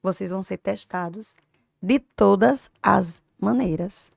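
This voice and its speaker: A woman in her fifties, a teacher and doctor, tells an emotional personal story as an interview guest, swinging between hushed and loud. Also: medium pitch, slow pace, vocal fry, no echo, studio quality. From Brazil. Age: 50s.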